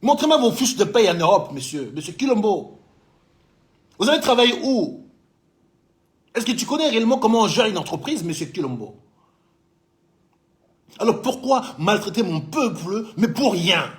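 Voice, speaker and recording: High-voiced man from Congo, heated commentator who lectures and scolds. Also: sing-song, moderate pace, long pauses. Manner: fiery, scolding, repeatedly addressing the president directly. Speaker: business owner living in France.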